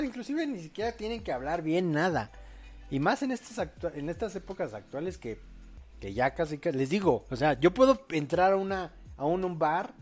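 A young man hosts a crude late-night show, reading audience posts and laughing along. His pitch sits a little high and swings widely. Faint music plays behind him. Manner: crude, joking, laughs often, reads posts aloud. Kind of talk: casual late-night live show chat.

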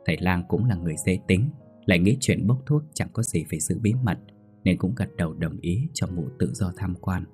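A man narrating a scripted ghost story in a steady, somber way. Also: low voice, brisk. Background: faint music.

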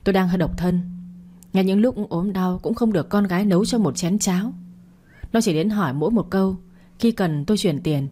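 A woman's voice: medium pitch, a little fast, dark tone, natural voice. A woman voicing a proud, lonely older widower who speaks firmly, pressing each word in an audio story. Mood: indignant.

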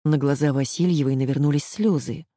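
A woman narrating an audiobook in an even, measured way. Her voice sits low with a dark, mellow tone, and the recording is dry and close. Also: no echo.

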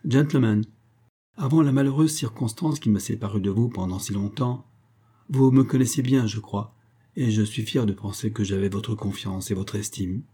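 Man doing a solemn formal speech, low husky voice. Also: normal speed, dark tone. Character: returned male outlaw addressing his club.

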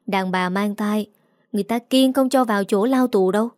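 A woman voicing a lively young woman, the hero's younger sister, in a storybook reading, eager and quick. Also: medium pitch, dry recording, clean studio sound, lightly acted. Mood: urgent.

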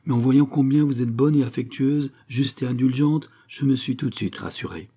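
A man's voice: medium pitch, normal speed, warm tone, slightly rough, pitched above the performer's own voice. A man voicing an earnest young girl who speaks in a timid, tremulous, pleading way, in an audiobook. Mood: anxious.

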